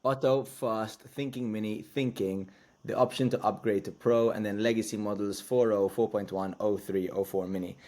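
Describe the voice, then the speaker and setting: A man co-hosting a casual podcast, with a voice pitched a little low. He talks in a measured, explanatory way, laying out his point step by step. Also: fairly even intonation, mellow. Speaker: podcast co-host. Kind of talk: casual chat.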